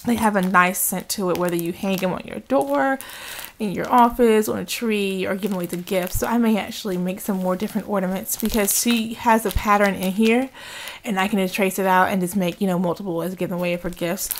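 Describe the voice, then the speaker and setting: A woman speaks briskly in a steady, mid-range voice over a faint hiss or hum. Filming herself indoors on a handheld camera, the craft vlogger enthusiastically shows her haul in a laid-back show-and-tell.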